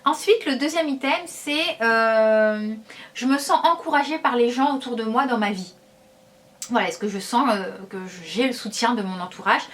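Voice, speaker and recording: A woman's voice: a little high, normal speed, a bit bright. A woman vlogger talking casually to her viewers, chatty and hesitant, with many fillers. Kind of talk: casual talk to camera.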